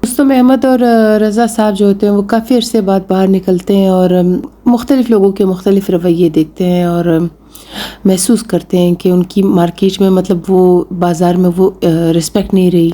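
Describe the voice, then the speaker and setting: A woman's voice: mid-range voice, steady tone, mellow. A woman casually retelling a drama episode's plot, talking to viewers as friends with frequent fillers. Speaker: episode recap narrator.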